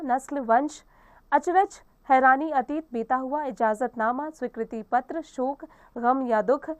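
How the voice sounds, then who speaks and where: A woman teacher reading a textbook lesson aloud to children, in a clear, explanatory manner, addressing the class directly. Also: high-pitched, dry recording.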